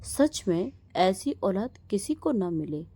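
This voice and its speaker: A woman voicing a sharp-tongued older mother in a storybook tale, scolding and indignant. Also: on the high side, expressive, slow pace, breathy edge, heavily acted. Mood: furious.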